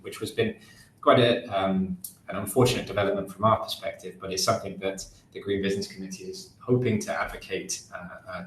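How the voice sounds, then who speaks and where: Low-voiced man moderating, roomy call audio. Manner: measured, reads audience questions. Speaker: webinar moderator. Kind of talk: moderating webinar Q&A. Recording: roomy video-call audio with faint hum.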